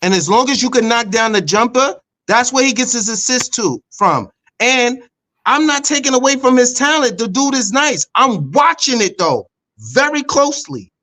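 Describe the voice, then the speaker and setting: A man makes his case on a sports podcast. His voice sits high for a man, and he presses each point hard and circles back to it again and again. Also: expressive, normal speed, bright, forceful tone. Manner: emphatic, insistent, repeats points. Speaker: podcast co-host. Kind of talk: casual sports debate.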